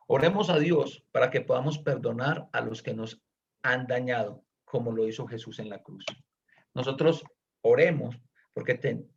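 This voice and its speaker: A man's voice: mid-range voice, vocal fry. A man teaching a Bible study, explaining earnestly and stepping in to correct a student, on a dull lo-fi recording.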